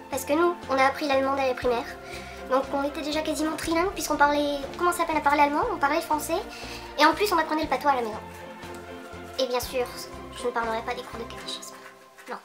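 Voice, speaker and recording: Here the same kind of comic vlog plays out: a young woman from the French border region near Germany teases her viewers directly in a high, quick voice, with music underneath.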